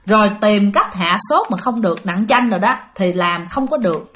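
Animated woman telling a ghost story. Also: fairly high pitch. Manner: animated, addresses listeners directly.

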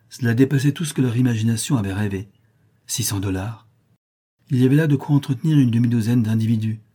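A man reading a novel aloud as narrator, with steady, measured storytelling. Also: lowish voice, slightly rough. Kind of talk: audiobook reading.

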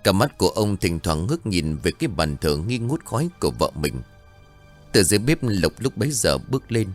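A male narrator telling a tragic tale with solemn expression. His voice sits low but moves widely in pitch. Faint music plays under him. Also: big pitch swings, a little fast. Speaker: storyteller. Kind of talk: dramatic story narration.

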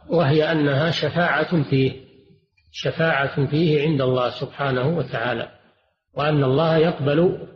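Older man lecturing, roomy dull recording. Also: fairly high pitch. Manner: measured, repeats and rephrases points. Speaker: religious scholar. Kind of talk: classroom lecture explaining religious texts.

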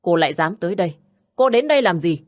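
A woman's voice: lowish voice, animated, fairly quick, no room sound, studio quality, natural voice. A woman reading the part of a hot-tempered young man with a harsh, mocking manner in an audiobook. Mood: scornful.

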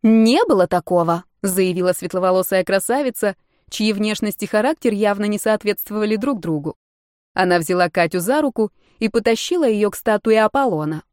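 A woman narrating an audiobook in an even storytelling manner. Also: mid-range voice, fairly quick, smooth, dry recording, studio quality. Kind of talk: scripted narration.

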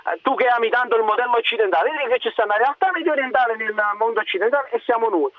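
A man's voice: extremely high pitch, very fast. A man from Naples with a strong Neapolitan accent, calling a radio phone-in and speaking in a blunt, colloquial, emphatic way over a muffled phone line. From Naples, Italy. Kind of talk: unscripted opinionated phone-in talk.

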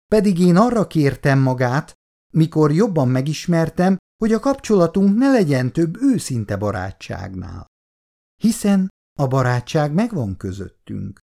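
A reader voicing a proud, touchy young woman who speaks in sharp, indignant lines in a storybook reading. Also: low-pitched, pitched above the performer's own voice.

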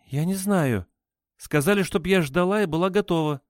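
A man's voice: sits high, normal speed, no room sound, clean studio sound, voice pushed up, natural voice. A man voicing a frightened young woman under interrogation, speaking in a hesitant, flustered, pleading way.

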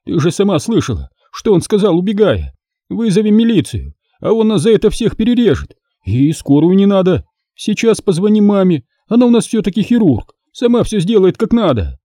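A man's voice: sits high, big pitch swings, normal speed, dark tone, dry recording, clean studio sound, voice pushed up. A male reader voicing a fat, panicky, bald middle-aged father who frets and whines. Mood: fretful. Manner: fretful, whining, fussing.

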